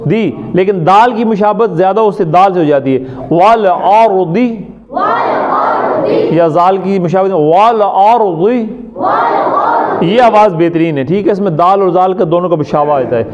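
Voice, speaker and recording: Male recitation teacher, high pitch, call-and-answer drills, lo-fi classroom recording with students around. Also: lively intonation, a little mellow, some chatter behind. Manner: drills letter sounds, asks and answers his own questions; chants recited words slowly in a sung tone. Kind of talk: classroom pronunciation lesson.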